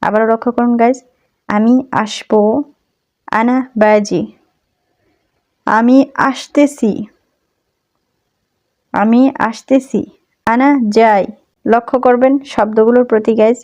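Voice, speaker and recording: A young woman teaching phrases in a spoken lesson, repeating each line slowly and carefully in a chatty, humble way. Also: fairly high pitch, darkish tone. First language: Bengali. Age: young adult. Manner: slow, careful repetition of phrases. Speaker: language teacher.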